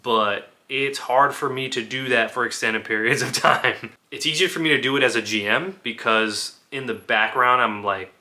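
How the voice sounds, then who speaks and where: Male channel host, mid pitch, very bright tone, rambling and analogy-driven casual talk. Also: moderate pace, hardly any pauses. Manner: rambling, full of "like" and restarts, builds analogies. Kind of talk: casual video commentary.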